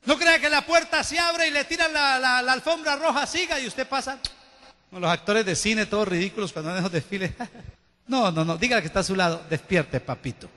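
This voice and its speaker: Male pastor, very high, sharp and forceful delivery, call-and-response sermon, long hall reverb. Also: a little fast. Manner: fervent preaching with call-and-response to the congregation. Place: large church hall.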